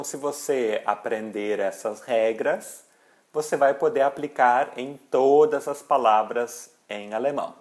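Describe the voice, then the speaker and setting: Very slow-speaking male language teacher. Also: mid-range voice, a little mellow. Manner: slow, deliberate, repeats example words with careful articulation. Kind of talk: pronunciation lesson.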